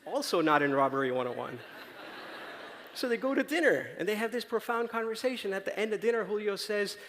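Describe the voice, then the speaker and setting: Speaking from a large auditorium stage, a man with a high, expressive, somewhat bright voice delivers a story-driven conference talk a little fast. He often asks "right?" to keep the audience with him. Long hall reverb fills the recording, along with a little hiss or hum.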